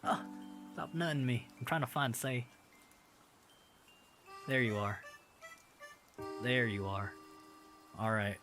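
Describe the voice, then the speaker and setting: A young male streamer talks in an easy, unhurried way, repeating words again and again as he drills. His voice is bright and forward, with a playful put-on Southern drawl. Faint music plays behind him. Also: mid-range voice. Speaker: variety streamer. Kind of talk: casual livestream chat while studying Japanese. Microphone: streaming microphone.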